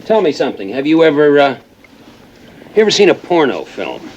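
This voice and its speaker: An actor playing a smooth-talking, predatory male recruiter in a TV drama, coaxing and insinuating. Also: a little high, sing-song, a little fast, muffled recording, slight background noise. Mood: coaxing, sly.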